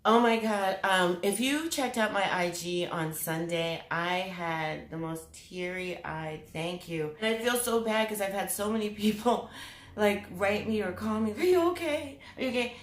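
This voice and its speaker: Unhurried and mid-range in voice, this channel host talks to camera in a giggly, rambling manner that keeps drifting off-topic. She's filming her vlog in a mirrored room that sounds echoey.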